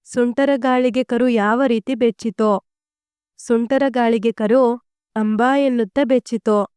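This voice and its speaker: A woman reading out school study notes slowly and deliberately, as a teacher dictating answers. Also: on the high side, warm tone, clean tone, no room sound, studio quality. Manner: slow, deliberate, evenly paced reading.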